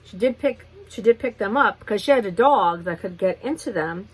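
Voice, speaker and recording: A woman beauty vlogger telling a rambling, animated story while doing her makeup. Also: medium pitch, a little fast, slightly rough, rough recording. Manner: rambling, animated retelling with restarts. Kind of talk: chatty get-ready-with-me storytime.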